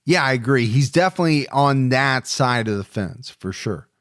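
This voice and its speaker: A man's voice: mid-range voice, animated, normal speed, no echo, clean studio sound. A man co-hosting a true crime podcast, talking in a conversational, emphatic way and reading case narration. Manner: conversational, emphatic, restarts phrases. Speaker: podcast co-host.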